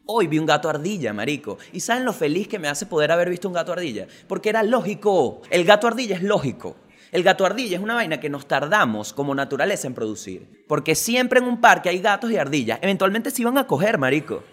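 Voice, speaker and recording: A young Venezuelan man hosting a podcast, telling stories in a slangy comic monologue that swings between loud bursts and low mutters. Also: sing-song, fast talker. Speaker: podcast host, stand-up comedian.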